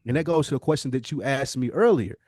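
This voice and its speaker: In a quick, darkish, medium-pitched voice, an American man in his early forties hosts a relaxed podcast conversation, reflective and emphatic, repeating himself to hammer home points. There's no echo and the studio sound is clean.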